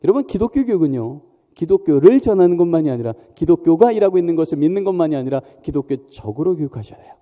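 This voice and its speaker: A man's voice: a little high, lively intonation, fast talker, muffled recording. A man preaching a sermon in a church, emphatic and often questioning the congregation. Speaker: pastor. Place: large church hall. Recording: long church hall reverb.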